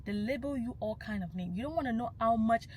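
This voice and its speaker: A woman's voice: a little high, animated, fast talker, a little mellow, a little hiss or hum. Passionate young woman. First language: Yoruba. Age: young adult. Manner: passionate and emphatic, slipping into Yoruba phrases. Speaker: vlogger. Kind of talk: casual vlog monologue.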